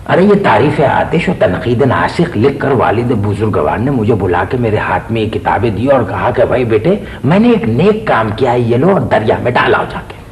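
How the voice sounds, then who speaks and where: A man's voice: mid-range voice, very animated, normal speed, few pauses. An actor from Pakistan playing a touchy, poetry-loving middle-aged father in a studio TV drama, exclaiming theatrically. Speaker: father of the household. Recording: echoey studio set.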